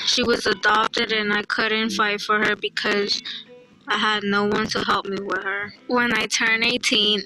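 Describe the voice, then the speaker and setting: A young woman from El Salvador telling her own story as a young mother in a quiet, earnest narrated digital story. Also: medium pitch, rough recording. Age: young adult. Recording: played-back video with guitar music.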